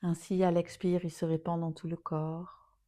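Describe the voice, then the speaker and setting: In a lowish voice with little pitch movement, a yoga nidra teacher leads listeners through a relaxation meditation. She stays soothing and slow, and her phrase endings drift softly into near-whispers.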